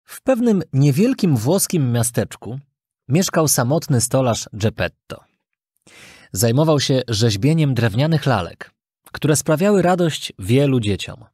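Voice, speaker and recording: A storyteller reading a children's fairy tale aloud in an expressive, scripted way. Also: medium pitch, a little slow, husky, no echo, clean studio sound. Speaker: narrator.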